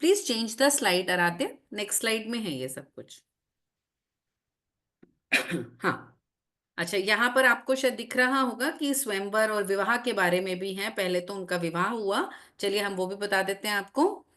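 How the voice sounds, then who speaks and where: A woman teacher telling a story to children over a video call. Her pitch rises and falls a lot, and she keeps asking the class questions and checking that they are following. The sound is plain call audio. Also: measured pace. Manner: lively, checks in often with the class.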